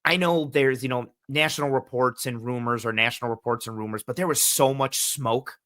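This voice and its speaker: Man, bright forceful voice, sports analyst, casual podcast talk, animated storyteller, dry close mic. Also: medium pitch, fairly quick, no room sound. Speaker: team analyst guest.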